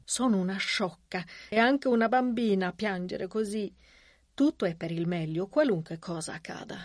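A man's voice: high voice, moderate pace, no room sound, voice pushed up. A man reading an audiobook, voicing a meek, pious Swedish woman who speaks plaintively, close to tears. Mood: meek, resigned. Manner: plaintive, tearful. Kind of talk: audiobook character voice.

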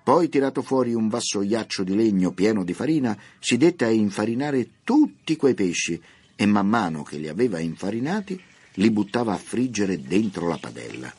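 A man narrating a story for radio with an expressive, theatrical reading. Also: on the low side, moderate pace, breathy edge.

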